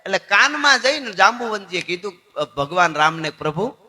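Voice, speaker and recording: A man telling devotional folk stories and preaching to children and elders in an animated way. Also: sits high, brisk, long reverb tail. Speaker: folk storyteller. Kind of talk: devotional folk storytelling to an audience.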